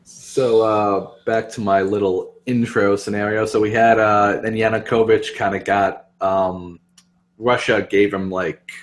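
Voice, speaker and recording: A man hosting a political podcast, talking in a hesitant way and leaning on many fillers. His voice sits on the low side. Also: flat delivery, a little slow. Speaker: podcast host. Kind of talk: casual political discussion.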